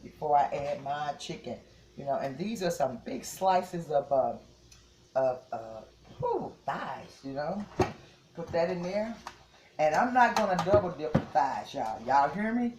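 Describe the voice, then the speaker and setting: A home cook, a woman, talking to her viewers in a relaxed, chatty way while she works. Her voice sits a little low for a woman. The kitchen sounds roomy and echoey, with a faint hiss behind her. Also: measured pace. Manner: chatty, repeats "yes, yes" and "okay?" to viewers. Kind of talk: casual cooking demonstration.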